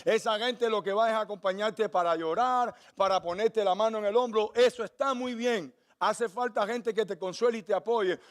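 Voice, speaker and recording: A man preaching a sermon as pastor, swinging from loud high cries to hushed low tones and asking the congregation questions. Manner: asks the congregation questions and urges them to answer aloud.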